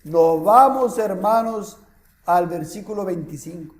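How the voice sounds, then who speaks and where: A man with a Peruvian accent preaching a sermon as pastor, lively and full of rhetorical questions to the congregation. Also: sits high, measured pace, roomy sound. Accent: Peruvian Spanish. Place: church hall.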